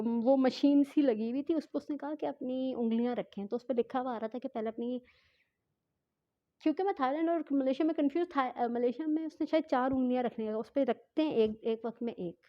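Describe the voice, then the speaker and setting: A travel vlogger tells a travel story in a casual vlog, chatty and often correcting herself, mixing in English phrases and deliberately speaking slowly. Her voice is high and the recording is muffled.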